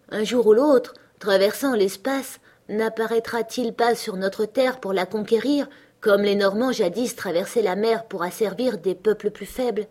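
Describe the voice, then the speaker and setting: A woman reading a literary diary aloud, in an intense, anguished delivery that drops into hushed whispers. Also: medium pitch. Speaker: reader.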